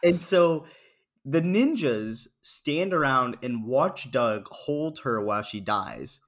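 A man co-hosting a podcast in casual chat, reviewing a movie with mocking energy and acting out scenes with sudden loud screams. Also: medium pitch, expressive, slow.

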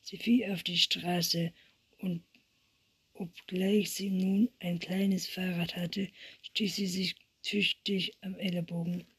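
A woman reading a children's story aloud in a soft, slow whispered role-play. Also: on the low side, little pitch movement, slightly rough.

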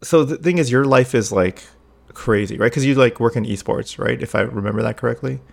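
A man with a mid-range voice and vocal fry talks fairly quickly. He's a podcast host in casual chat, speaking loosely and filling his talk with lots of "like" and "um."

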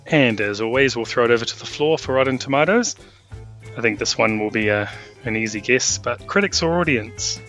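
Brief: male podcast host, crisp and forceful tone, upbeat stat-reading delivery, faint music behind. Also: mid-range voice, brisk, dull audio. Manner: upbeat, reading out film stats and facts. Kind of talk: casual film podcast chat.

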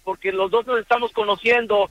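A man's voice: sits high, steady tone, fairly quick, fairly bright tone, dry recording. A man calling in to a radio show, chatty and flirtatious. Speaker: caller. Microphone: phone. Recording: dry muffled phone line.

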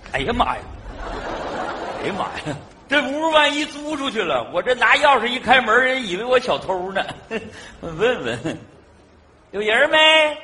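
A man with a Northeastern Chinese accent playing a forgetful, good-natured man who goes back to his old rented flat for his TV, in an exclaiming, lively comic stage style. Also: high voice, a little hiss or hum, full character voice. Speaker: sketch comedy actor. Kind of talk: stage comedy sketch.

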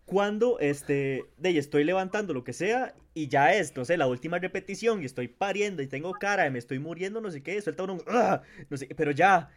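A man with a Costa Rican accent hosting a casual podcast chat, talking animatedly and acting out grunts and shouts. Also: on the high side, expressive, fairly quick, hardly any pauses. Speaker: podcast host.

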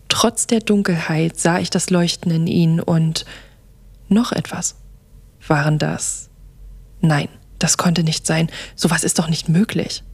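A young woman reads a first-person story in a soft, lowish voice. She often slips into a near-whisper, keeping the telling quiet and intimate.

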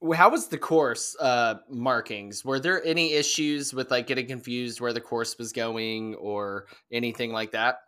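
A man from Ohio hosting a running podcast, asking questions in a casual, halting way. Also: mid-range voice, bright, forceful tone, smooth. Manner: conversational, halting restarts. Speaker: podcast host. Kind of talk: casual interview.

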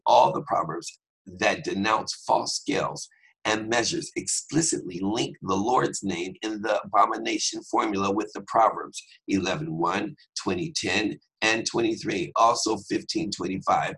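A man giving a fast, conversational Bible teaching on a podcast, with joking asides. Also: lowish voice, gravelly, a bit bright, husky, low-quality recording.

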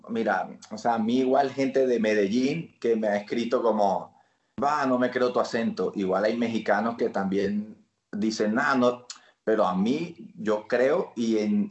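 A man's voice: fairly low pitch, echoey room, muffled recording. A man from Barranquilla with a Colombian Caribbean accent, an actor guest telling stories in casual interview chat. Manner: animated storyteller, laughs while acting out lines.

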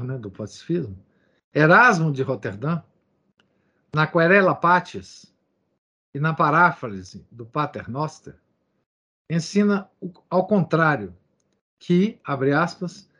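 A man's voice: a little high, a bit bright, slightly rough. A man reading a text aloud and commenting on it like a lecturer, breaking in with asides and habitual tag questions. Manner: reads quoted passages, adding asides and verbal tics like "né?". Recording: dull lo-fi recording.

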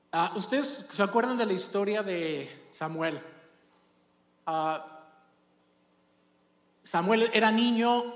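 A male pastor giving a sermon in an animated, conversational way, checking often that the congregation follows. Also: high-pitched. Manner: animated, conversational storytelling with rhetorical check-ins. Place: church. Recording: echoey church hall.

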